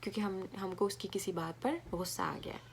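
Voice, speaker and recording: A woman's voice: medium pitch, steady tone, creaky, a little hiss or hum. A woman with a Pakistani Urdu accent giving an informal parenting talk in a conversational way, often checking in with the listener. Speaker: parenting educator.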